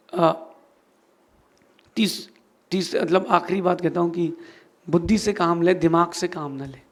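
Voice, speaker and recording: A man's voice: high-pitched, vocal fry, fairly bright tone. A man, a Jain monk, giving an earnest sermon and telling a moral story, asking and answering his own questions.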